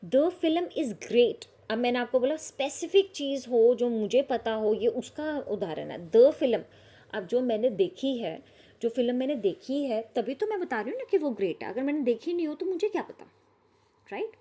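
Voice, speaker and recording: A woman teacher, explaining grammar slowly and often checking that her students understand. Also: on the high side, animated, warm tone. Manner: explains slowly, asks the class if they understood. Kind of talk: grammar lesson.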